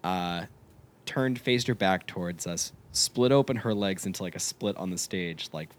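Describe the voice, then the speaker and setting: Low-voiced man telling stories. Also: normal speed. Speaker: podcast co-host. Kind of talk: casual chat, anecdote telling.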